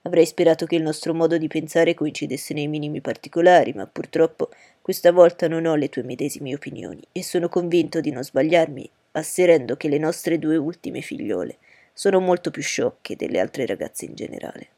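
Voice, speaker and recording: A woman voicing a dry, wry middle-aged father who speaks in a calm, measured way. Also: sits low. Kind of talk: audiobook character voice.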